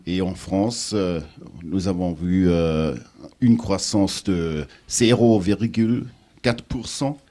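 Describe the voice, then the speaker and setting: Halting German man in broken French, slow delivery. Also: deep voice, warm tone. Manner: halting, broken non-native French with grammatical slips and many hesitations. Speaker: panel speaker, international official. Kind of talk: prepared remarks at a panel discussion.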